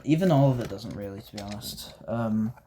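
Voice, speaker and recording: A man's voice: on the low side, animated, fairly quick, background noise. A young man, casually reviewing toy trains, rambling and gushing with lots of fillers and restarts. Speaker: toy collector reviewing die-cast trains.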